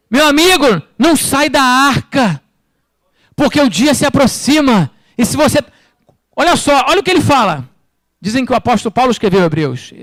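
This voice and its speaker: A male pastor with a Brazilian accent delivers a lively church sermon in a high, bright-pitched voice. He keeps asking the congregation questions and drops from loud bursts to quiet, low asides. The sound is dry, with little room echo. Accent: Brazilian Portuguese. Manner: animated preaching, rhetorical questions to the congregation.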